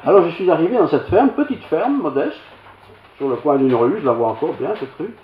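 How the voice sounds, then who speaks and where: Older belgian pastor spinning a self-mocking farm story, pitch swinging all over, echoey church, bit muffled. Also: male voice, big pitch swings, a little fast, slight background noise. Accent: Belgian French. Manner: homely anecdotal telling, self-mocking, many asides. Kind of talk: storytelling sermon. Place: church hall. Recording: roomy, slightly dull church recording.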